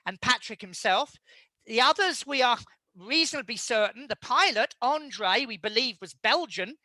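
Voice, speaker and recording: A man giving an illustrated history lecture, measured and halting, with frequent fillers. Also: sits high, sharp tone, no room sound.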